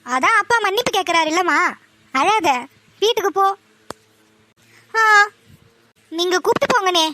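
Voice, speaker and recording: A woman's voice: very high voice, animated, normal speed, sharp tone, full character voice. A woman voicing a kindly neighbour lady who chides the father and comforts the girl, in a cartoon. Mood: sympathetic. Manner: chiding, sympathetic. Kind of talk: cartoon voice acting.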